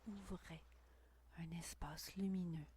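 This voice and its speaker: A woman whispering a guided meditation intimately, right by the ear, in a breathy, soothing, unhurried voice with long pauses. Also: fairly low pitch, fairly even intonation, dark tone, slight background noise. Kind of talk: guided meditation, scripted narration.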